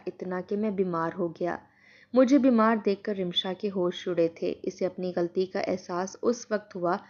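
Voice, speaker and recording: This first-person moral story is told by a woman whose mid-range voice stays steady and earnest throughout. The highs are missing from the audio.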